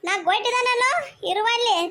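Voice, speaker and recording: A woman's voice: very high-pitched, brisk, pushed and bright. A woman with a North Karnataka accent voicing a devout, childless young wife in a cartoon, tearful and pleading. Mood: hurt. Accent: North Karnataka Kannada.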